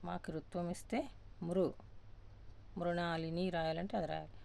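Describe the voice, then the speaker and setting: A woman teaching the alphabet, reciting each syllable slowly and deliberately and repeating sounds patiently for learners. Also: on the low side, fairly even intonation, creaky, dark tone. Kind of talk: step-by-step Telugu alphabet lesson.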